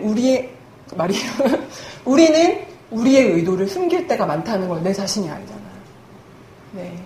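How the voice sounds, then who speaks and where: In an echoey church hall with faint room noise, a young woman delivers a funny sermon in a slightly high, somewhat mellow voice. Her style is chatty and self-deprecating, and she laughs frequently.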